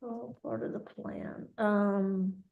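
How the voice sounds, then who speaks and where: A woman working as a medium, relaying a spirit's messages in a halting way, often repeating words. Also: medium pitch, steady tone, vocal fry, narrow, tinny audio. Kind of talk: mediumship reading.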